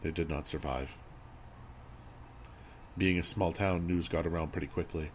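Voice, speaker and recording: A man reading a scripted horror story as narrator, in a measured, grave storytelling manner. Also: low-pitched, steady tone. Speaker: creepypasta narrator. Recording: audible background noise and ambience.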